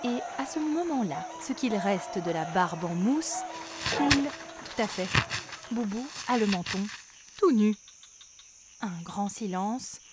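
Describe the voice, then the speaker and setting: A woman reads a children's story aloud in a lively, expressive way. Her voice sits at a middle pitch. Faint noise hums in the background. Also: slow, pauses often.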